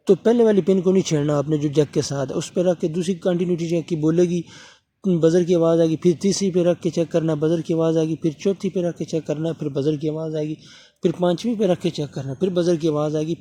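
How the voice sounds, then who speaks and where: A man's voice: a little high, mellow. Man teaching a motor repair. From Pakistan. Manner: talks while working, often asking viewers to subscribe; repeats fillers and checks in with the viewer. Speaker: electronics repair technician. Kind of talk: hands-on repair tutorial.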